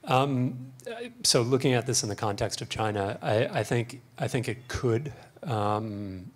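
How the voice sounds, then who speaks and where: A man speaking on a conference panel in a measured, hedging way. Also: mid-range voice, slightly rough. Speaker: panelist, market researcher.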